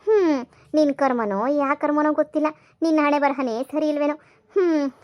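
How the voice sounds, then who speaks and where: Woman playing a sharp-tongued village wife. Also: high-pitched, lightly acted. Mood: taunting. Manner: taunting, scolding, exclaims often. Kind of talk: village comedy skit.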